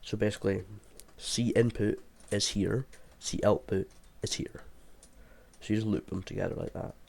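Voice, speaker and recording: This video creator explains his game build in a casual, halting tutorial, thinking out loud and sounding under the weather. His voice sits fairly low and slightly mellow, with mostly even intonation and a moderate pace. Clicks from his mouse and keyboard can be heard over clear background noise.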